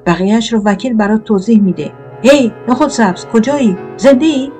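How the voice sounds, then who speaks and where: A loud, blustering tomato knight throws his weight around, as a woman reader puts him on. He rants like a bully, threatening and pompous. Soft piano plays behind. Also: fairly high pitch, voice pushed up, natural voice. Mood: blustering angry. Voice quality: shouting, blustering.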